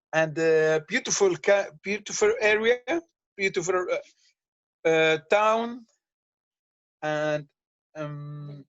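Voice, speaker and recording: A man from Syria with a Syrian Arabic accent, talking on a video call in halting, simple English with lots of repeated words, tired and thirsty from fasting. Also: fairly high pitch, no echo, highs cut off. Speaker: guest. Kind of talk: casual chat on a video call.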